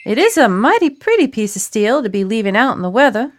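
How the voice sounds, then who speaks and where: A man's voice: very high-pitched, very animated, fast talker, a bit bright, slight background noise, voice pushed up, full character voice. A man voicing a sassy, folksy woman who knows a great deal about guns. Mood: knowing, folksy.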